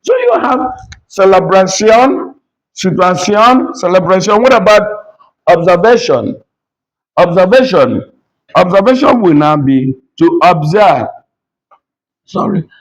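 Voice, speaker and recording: A man teaching a language lesson at a board, repeating each word slowly to drill it. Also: sits high, huge pitch swings, low-quality recording.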